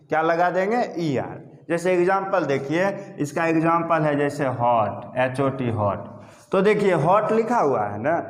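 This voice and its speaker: Male grammar teacher, fairly high voice, quizzes himself and repeats key terms, long echoing reverb in the room. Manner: asks questions and answers them himself, repeating key terms. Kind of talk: classroom lesson explaining grammar rules.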